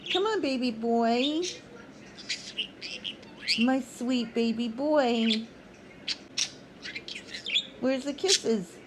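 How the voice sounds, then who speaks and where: A woman talking affectionately to her pet bird at home, cooing short repeated phrases with pauses between them, with chirps behind her. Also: a little high, background noise. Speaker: pet owner talking to a budgie. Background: budgie chirps and clicks.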